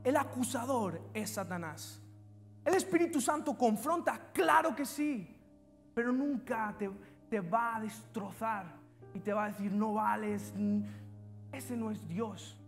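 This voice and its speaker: A man's voice: sits high, unhurried. A man preaching a fervent sermon, calling his congregation to repeat lines after him. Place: church hall. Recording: reverberant church hall with music.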